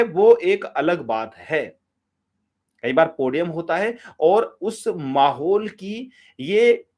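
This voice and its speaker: A man coaching public speaking in a live session, energetic and direct, giving step-by-step instructions and talking to listeners as friends. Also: high voice.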